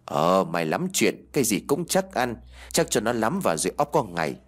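A man's voice: on the low side, very animated, normal speed. A man voicing a blunt, scolding old male village shaman in a spoken ghost story. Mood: gruff.

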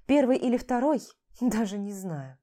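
A woman's voice: on the high side, expressive, normal speed, mellow. A woman narrating a novel in the first person, with a tired, sardonic edge in the lead's lines. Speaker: audiobook narrator.

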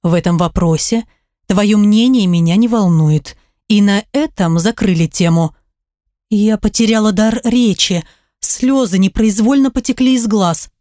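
A woman's voice: medium pitch, no echo, studio quality. Woman reading a romance novel aloud. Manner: emotional, expressive first-person telling. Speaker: audiobook narrator.

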